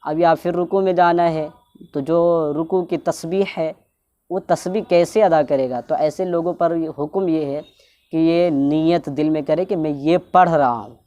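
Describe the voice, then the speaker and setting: A woman with a low-pitched, mellow voice gives a religious instruction talk as a teacher. She explains at length and repeats her points, drawing out words to demonstrate how they should be pronounced.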